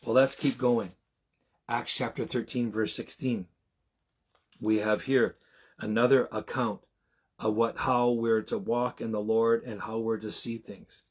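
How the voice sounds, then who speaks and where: In a small indoor home room, a sixties-aged preacher offers an informal Bible teaching with a flat delivery. His voice is husky and lowish, and his conversational speech halts, repeats and rephrases often.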